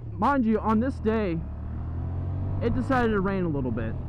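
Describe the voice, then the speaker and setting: A young American man with a fairly high voice rambles casually through a story from inside his motorcycle helmet. The sound is muffled, with heavy vehicle noise running behind him. He talks loosely and swears freely, like a rider vlogging on the road. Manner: rambling, casual, foul-mouthed. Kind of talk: casual storytelling while riding. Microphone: helmet-mounted microphone.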